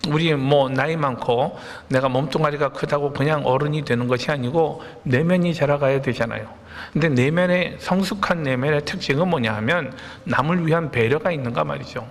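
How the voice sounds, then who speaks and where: A man's voice: a little high, moderate pace. A male pastor preaching a sermon in a conversational way, telling anecdotes and asking the congregation rhetorical questions. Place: church sanctuary. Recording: long reverb of a church hall.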